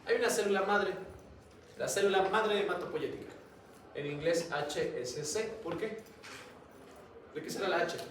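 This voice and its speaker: A man's voice: sits high, normal speed, pauses often. A man giving a classroom lecture, chatty and always asking the students questions. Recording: echoey classroom, mic far off, noisy.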